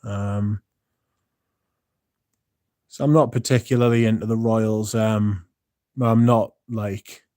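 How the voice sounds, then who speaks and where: This British man in his 30s, streaming casually from his phone, has a warm, steady voice on the low side and takes things slowly with frequent pauses. He sounds tired, wanders off topic, swears a lot and restarts sentences often, all captured in a dry, close recording without room echo.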